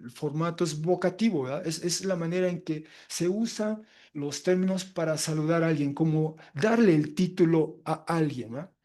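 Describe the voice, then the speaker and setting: Animated man preaching an expository sermon. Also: on the high side. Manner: lively, often tags phrases with "¿verdad?" and "¿ah?"; animated, swinging between loud emphasis and quiet asides. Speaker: pastor.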